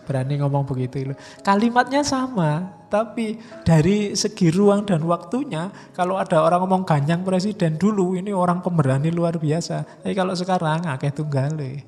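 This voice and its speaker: A man with a Javanese accent giving a relaxed, conversational philosophy lecture, slowing down for emphasis. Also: sits high. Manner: relaxed, conversational, with mock quotes and slow emphasis. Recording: hall reverb with faint music.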